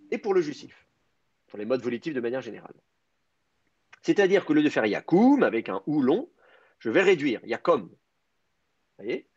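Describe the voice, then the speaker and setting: A man's voice: fairly high pitch, darkish tone, breathy edge, dry recording, highs cut off. A man teaching a Hebrew grammar class online, explaining step by step and thinking aloud with many hesitations.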